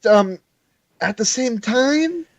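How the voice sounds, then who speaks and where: A man co-hosting a casual fan show with a high, very animated voice. He jokes and exclaims readily, and the recording is dry and close, with no room sound. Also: slow pace, no room sound, dull audio. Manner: exclaiming, joking. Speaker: podcast co-host. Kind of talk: casual chat.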